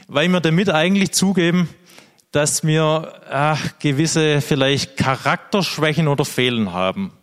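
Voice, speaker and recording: A man's voice: a little high, long reverb tail. A man preaching a sermon, speaking earnestly and directly to the congregation.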